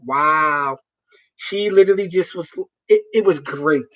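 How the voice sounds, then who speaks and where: A man with a notably high-pitched voice chats casually to his live-stream viewers. He rambles, swears freely and often restarts his sentences. The sound is dull and lo-fi. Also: unhurried, a bit bright. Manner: rambling, profane, with frequent restarts.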